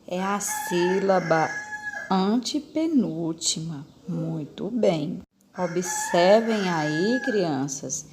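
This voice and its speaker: A woman's voice: on the low side, noisy background. A female primary school teacher with a Brazilian Portuguese accent, recording a lesson for young children. She talks patiently and coaxingly, asking questions and repeating key words.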